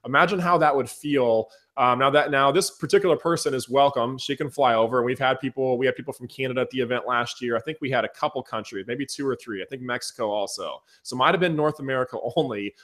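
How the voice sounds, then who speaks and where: A man hosting a casual webinar, energetic and enthusiastic as he talks to his viewers, his voice going hoarse. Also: medium pitch, quick pace, hardly any pauses. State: losing his voice. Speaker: webinar host.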